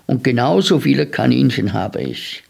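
A man voicing a kindly, curious older man in a storybook reading, gentle and coaxing with many questions. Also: medium pitch, expressive, moderate pace, gravelly, breathy edge, exaggerated voice.

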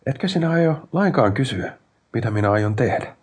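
A man's voice: medium pitch, lively intonation, husky, voice pushed up. A man voicing a grief-crazed male inventor in an audiobook, talking in frantic, strained, raised outbursts. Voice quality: strained, tense voice. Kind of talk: dramatic audiobook reading.

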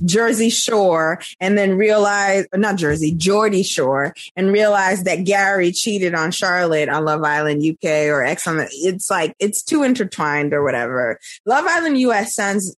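Animated-talking Brooklyn woman, dry close sound. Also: fairly low pitch, unhurried, few pauses, no echo. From Brooklyn, New York, USA. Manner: emphatic, sweary storytelling with frequent "you know". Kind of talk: casual pop-culture chat.

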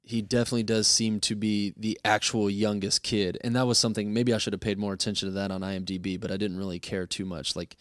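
A man hosting a casual podcast chat, animated and quick to laugh. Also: lowish voice, dry recording, studio quality. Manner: animated, breaks into quick character impressions and laughs. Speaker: podcast host.

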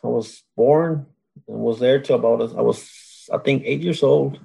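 A man from Mexico speaks in a relaxed interview. His voice is gravelly and a bit husky. He talks plainly, with a dry sense of humor. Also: medium pitch, moderate pace, highs cut off. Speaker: guest, oilfield solids control worker. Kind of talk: casual interview.

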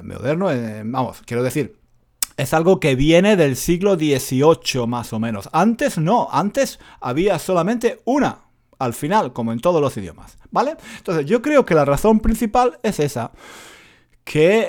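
Guy teaching, high voice, bouncy delivery, repeats himself a lot. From Spain. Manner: animated, repeats phrases, self-mocking jokes. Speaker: Spanish teacher. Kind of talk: casual spoken lesson.

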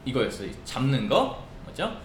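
A man co-hosting a bilingual language lesson, explaining points in detail with lively delivery. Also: mid-range voice, normal speed, echoey room, slight background noise. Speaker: co-host.

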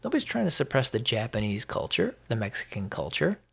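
A gravelly, fry-laden American male voice runs a solo opinion podcast, pitched in the middle but swinging widely up and down, with a slightly bright tone. He speaks unscripted and haltingly, leaning on repetition to press his points.

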